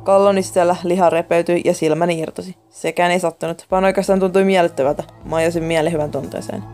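A woman's voice: on the low side, fairly even intonation, dark tone. A woman narrating a first-person horror story in a dramatic, scripted way. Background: faint music.

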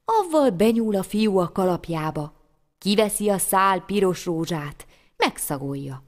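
A woman storyteller reading a folk tale aloud, lively and expressive with sudden exclamations. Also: medium pitch. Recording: long hall reverb.

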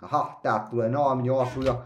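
A man giving playful, excitable let's-play commentary, chattering to himself and making silly sound effects as he plays. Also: medium pitch, echoey room, a little hiss or hum. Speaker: gaming YouTuber.

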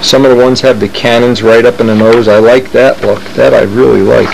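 Hobbyist man narrating his plans, excited and meandering, mid-pitched, with an air conditioner humming in the room. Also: brisk, vocal fry, background noise. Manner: enthusiastic, rambling, thinking aloud. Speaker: model aircraft builder showing plans. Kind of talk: casual show-and-tell narration.

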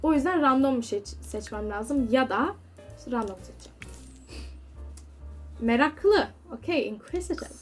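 A woman's voice: sits high, expressive, normal speed, pauses often, faint music behind. A young woman giving casual gameplay commentary, chatty and exasperated, scolding the characters on screen. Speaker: gaming YouTuber.

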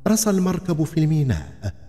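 Male narrator of a folk tale, dramatic and lively, soft background music. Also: on the high side, fast talker. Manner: dramatic, expressive. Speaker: storyteller. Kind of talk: scripted storytelling narration. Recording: long reverb, faint background music.

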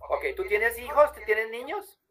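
Man, German teacher, online class, video call, patient, slow enunciation. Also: very high-pitched, very animated, a bit bright, poor audio. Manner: patient, spells out German words very slowly.

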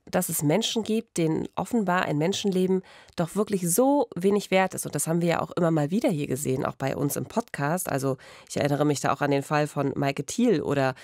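A woman in her thirties co-hosts a conversational true-crime podcast from a small radio studio, speaking into a close studio mic on a boom arm. Her voice sits fairly low with a darkish tone, and the recording is dry.

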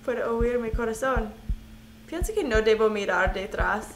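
Slow-talking young woman playing a game. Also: a little high, slight background noise. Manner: talks to objects in the game, nervous giggles. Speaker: gamer. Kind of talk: let's play commentary.

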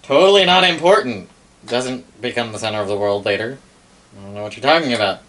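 Expressive and a little fast, with a mid-range, fairly bright voice, a young adult man tells game lore in a casual, wry, sweary ramble. The rough recording comes from a living-room camera a few metres away, with clear room noise.

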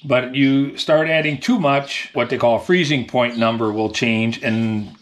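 A dairy farmer in his thirties explains things in a casual, plain-spoken, folksy way inside a small tiled milk room with a steel tank. His voice is medium-pitched and steady, a little slow.

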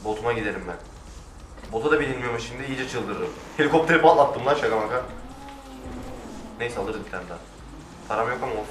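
Excitable man shouting at a game. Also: medium pitch, fast, long pauses, slight background noise. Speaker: gamer. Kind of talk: casual let's-play commentary. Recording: roomy, distant mic with faint music.

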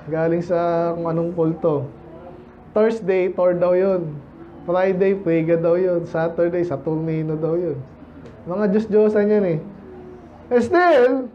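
High-voiced man preaching casually. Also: muffled recording, slight background noise. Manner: conversational, quizzes the congregation, mixes in English. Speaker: pastor. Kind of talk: sermon. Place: church service.

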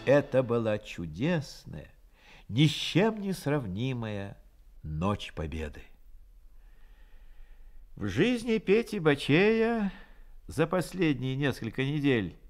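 An actor playing the storyteller of a radio drama, reading literary narration solemnly. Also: male voice, medium pitch.

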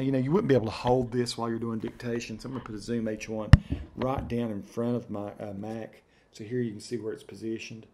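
A middle-aged man with an Appalachian accent, talking casually and deliberately as he demonstrates software. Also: fairly low pitch. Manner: deliberate, spelling out punctuation while dictating. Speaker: software reviewer. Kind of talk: dictation test with casual commentary. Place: room at home, indoors.

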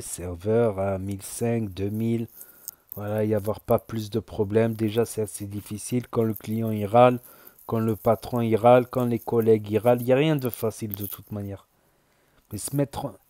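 A man with a southern French accent, a YouTuber talking casually to his viewers in a halting way, often repeating himself and using fillers. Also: mid-range voice, dark tone, dry recording, studio quality. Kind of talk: casual spoken commentary.

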